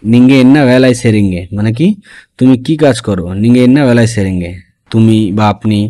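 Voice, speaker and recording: A man's voice: mid-range voice, dark tone. A man teaching a spoken language lesson, explaining phrase by phrase and often checking in with his listeners.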